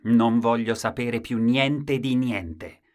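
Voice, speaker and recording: A man's voice: medium pitch, very animated, takes it slowly, pitched above the performer's own voice. A man reading a children's story, voicing a stubborn man who wants to know nothing, with a raised, insistent delivery. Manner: insistent, raising his voice.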